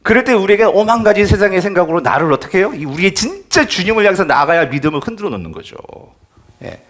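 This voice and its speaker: A man's voice: high-pitched, expressive, fast, a bit bright. A male pastor preaching a sermon in church, emphatic and often asking the congregation questions.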